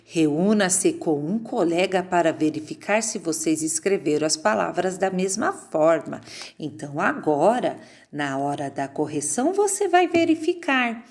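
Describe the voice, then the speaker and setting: A woman teaching a lesson, speaking slowly and patiently and drawing words out as if dictating. Her voice sits low but swings widely in pitch, rising and falling as she explains each exercise. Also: very animated, a little mellow. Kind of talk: classroom lesson correcting exercises.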